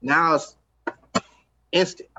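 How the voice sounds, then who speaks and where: A man's voice: slow pace, sharp tone, highs cut off. A man from Los Angeles, a record executive talking in a casual podcast chat, emphatic and streetwise, repeating his points.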